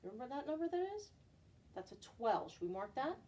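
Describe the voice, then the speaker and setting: A middle-aged woman with a slightly high, sing-song, somewhat mellow voice moves a little fast as she leads a counting lesson for young children like a kids show host. Recorded at home in her living room, she asks simple guiding questions and repeats key words, with clear background room noise and the highs cut off.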